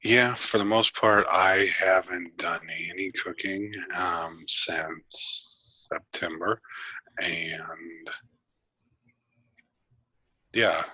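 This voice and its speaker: Podcast co-host, man, deadpan and relaxed, low voice with a bright edge. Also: very slow, pauses often, breathy edge, dry recording, poor audio. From Illinois. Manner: laid-back, deadpan jokes. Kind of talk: casual chat.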